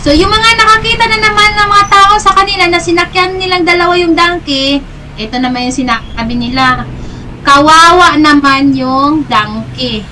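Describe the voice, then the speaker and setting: A woman's voice: extremely high pitch, brisk, recorded from a distance, background noise. A woman mentoring business people in a chatty, motivational talk, checking in with her listeners after every few phrases.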